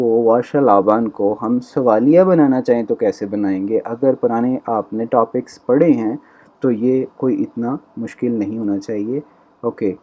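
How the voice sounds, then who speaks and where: A male language teacher giving a recorded lecture, explaining step by step and slowly repeating example sentences. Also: mid-range voice, dark tone.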